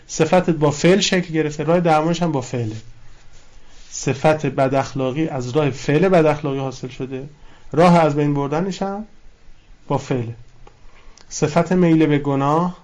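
A man teaching a classroom lesson on a philosophy text, reading Arabic lines and explaining them, stressing his points with repetition. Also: on the high side. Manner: reads out Arabic lines, then explains them in colloquial Persian; animated, stressing key words with repetition. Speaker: religious teacher.

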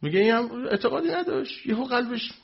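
A man telling a religious anecdote to a live audience, animated and acting out the people in his story. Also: very high-pitched, creaky, husky, dull audio.

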